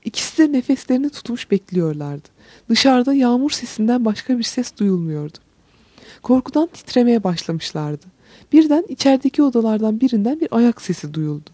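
A woman narrating an audiobook in a calm, measured way. Her voice sits somewhat high and is mellow and breathy, recorded dry and close. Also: no echo.

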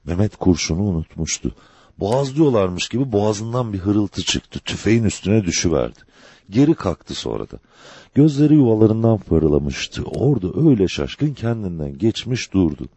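A man reading a dramatic novel aloud as an audiobook narrator, in an expressive storytelling manner. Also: on the low side, normal speed, husky, no room sound.

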